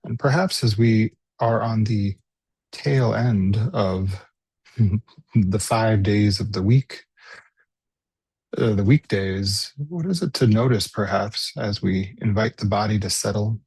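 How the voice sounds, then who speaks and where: Guiding a body scan, a man speaks in a lowish, breathy, husky voice, gentle and unhurried like a meditation teacher, with pauses between phrases. The recording is dry and rough, with hardly any room sound.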